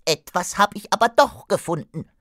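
A woman voicing a cheeky, practical young male fly in a storybook radio play, talking briskly and teasing. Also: mid-range voice, lively intonation, a bit bright, no room sound, clean studio sound, natural voice.

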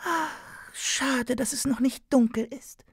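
A woman voicing an excitable young female wasp who is dreamy and squeamish, in a storybook radio play. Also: high-pitched, slow pace, creaky, breathy edge, dry recording, studio quality, heavily acted. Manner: dreamy, then shrieking and frightened.

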